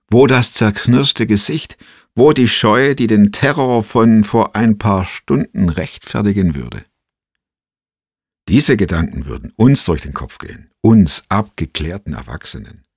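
A man's voice: lowish voice, no echo, clean studio sound. A man giving a scripted devotional reflection, thoughtful and full of rhetorical questions. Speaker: preacher giving a devotional talk.

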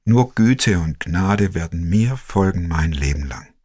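A man voicing a frail dying old woman who slowly recites a psalm in a faint, croaking voice. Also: sits low, expressive, darkish tone, exaggerated voice. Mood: peaceful.

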